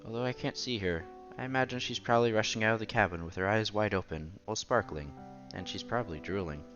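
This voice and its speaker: Over background music, a man reads a visual novel aloud, voicing the narrator and the lead and now and then tripping over words before rereading them. He's a channel host and visual novel reader. His voice is lowish and a bit bright, at a quick pace, and the audio is dull.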